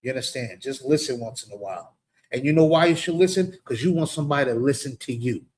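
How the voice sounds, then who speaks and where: A man's voice: mid-range voice, lively intonation, fast talker, a little mellow. A man with a New York accent teaching a scripture class, emphatic and conversational, often checking that listeners understand. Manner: emphatic, keeps asking "you understand". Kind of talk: street-preaching scripture class.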